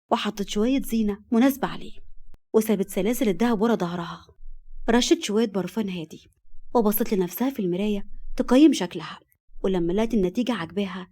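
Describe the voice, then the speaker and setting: Egyptian lady reading a romance story, fast and steady. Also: mid-range voice. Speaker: story narrator. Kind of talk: storytelling narration.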